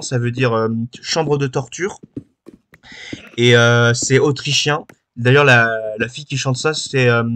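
A man hosting a gaming channel, chatting casually while he plays, rambling and hesitant with many fillers. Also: medium pitch. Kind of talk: casual chat while playing.

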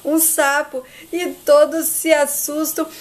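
A woman's voice: sits high, level tone, slow. A woman narrating a soap opera episode and reading every part herself. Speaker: channel host and reader.

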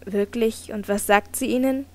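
A woman's voice: fairly high pitch, fairly even intonation, normal speed, natural voice. A woman voicing an anxious young nobleman in an audiobook, asking urgent, distressed questions. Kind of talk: audiobook character reading.

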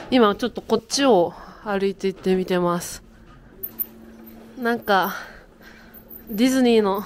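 A woman, chatting to her camera as she walks around a city outdoors, laughing often. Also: a little high. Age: 30s. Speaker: travel vlogger. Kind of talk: casual travel vlog narration. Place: outdoors in a windy, cold city.

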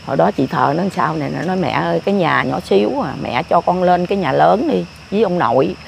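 A woman's voice: lowish voice, lively intonation, fast, gravelly, a little hiss or hum. An older grandmother, talking in a rambling, repetitive way about her family. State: often ill. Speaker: grandmother interviewed. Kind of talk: casual storytelling.

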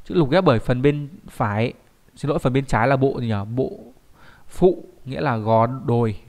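A man with a darkish, middle-pitched voice leads an online kanji class at a moderate pace, peppering his explanations with rhetorical questions aimed at the students.

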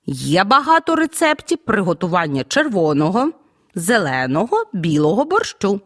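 Lively, dry-voiced woman teacher. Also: mid-range voice, no echo. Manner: clear, measured teacherly delivery with emphatic stresses on examples. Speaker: Ukrainian language teacher. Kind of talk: scripted audio lesson.

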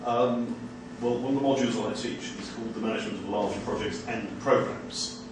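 A man, a university lecturer, making a measured, hesitant comment from the audience at a seminar in a small room. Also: medium pitch. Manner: measured, hesitant with many ums. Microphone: far room camera mic. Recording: echoey room from far off, background hiss.

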